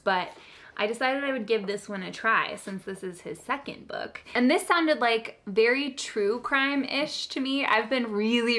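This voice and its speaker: Hosting a book haul video, this medium-pitched woman with a fairly bright tone talks to her viewers in a relaxed way. She's giggly and effusive, gushing with enthusiasm.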